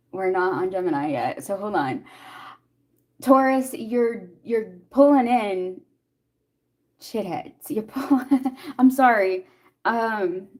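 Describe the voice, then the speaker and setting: A woman's voice: mid-range voice, a little mellow. Chatty woman giving a tarot reading. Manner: chatty, laughing often, talking to viewers' comments. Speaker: tarot reader. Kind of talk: casual live tarot reading.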